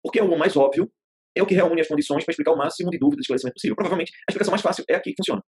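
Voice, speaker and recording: A male instructor teaches an informal class at a rapid clip, his voice slightly husky and pitched a bit high. He explains through anecdotes and everyday comparisons, often repeating phrases to press a point. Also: a little mellow. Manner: colloquial, storytelling, repeats phrases for emphasis. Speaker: therapy course instructor. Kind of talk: informal online class lecture.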